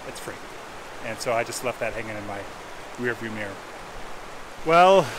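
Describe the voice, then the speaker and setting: Higher-voiced man vlogging over outdoor noise. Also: bright, forceful tone. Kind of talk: casual outdoor vlog talk. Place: outdoors on a creek trail. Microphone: camera on a tripod, fairly close. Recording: noisy outdoors, rushing creek water.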